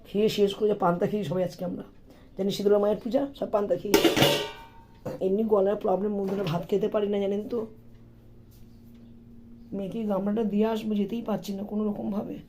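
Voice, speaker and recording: A middle-aged woman with a hoarse, sore voice, chatting and complaining to viewers in a casual home vlog. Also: mid-range voice, flat delivery, fairly quick, long pauses, noisy background. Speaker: vlogger. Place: home, indoors.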